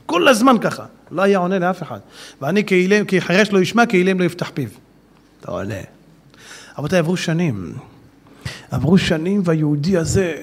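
A man's voice: high-pitched, a bit bright. A male preacher delivering an emphatic sermon with stories and rhetorical questions, often addressing his listeners directly. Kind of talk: Hebrew sermon with storytelling.

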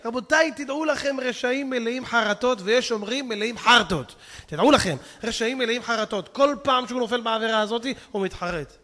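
A rabbi preaching a sermon to young men, dramatic, swinging from hushed warnings to shouts. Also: male voice, very high voice, hardly any pauses. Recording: long hall reverb.

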